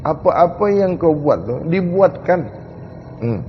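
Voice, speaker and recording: A man giving a mystical religious lecture, asking slow, emphatic rhetorical questions. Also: on the high side, very animated, big-room sound, highs cut off, a little hiss or hum. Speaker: religious teacher.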